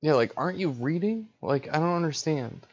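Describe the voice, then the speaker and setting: A man co-hosting a podcast, trading deadpan sarcastic jokes while watching a movie. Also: fairly high pitch, brisk, husky. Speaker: podcast co-host. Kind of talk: joking movie riff commentary. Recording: dull lo-fi sound.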